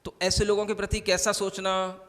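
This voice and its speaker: A man's voice: high-pitched, monotone, normal speed, fairly bright tone. A man, a monk, giving a conversational sermon and often checking that listeners follow. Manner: conversational preaching, keeps asking "समझ आ रहा है?". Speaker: Jain monk. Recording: long hall reverb.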